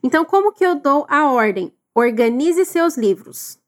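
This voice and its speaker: A woman teaching English, encouraging listeners and drilling phrases slowly for them to repeat. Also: high voice, big pitch swings. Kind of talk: recorded language lesson.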